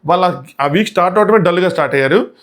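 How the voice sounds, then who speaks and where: A man's voice: high-pitched, rapid-fire. A man giving a casual spoken review of a TV show. He mixes in English phrases and acts out quotes from others.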